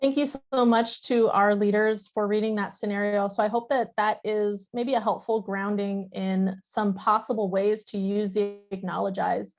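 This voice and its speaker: A woman's voice: mid-range voice, fairly even intonation, moderate pace, few pauses. A woman facilitating an online training session and moderating a student panel, friendly and informal. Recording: dull, muffled online call audio.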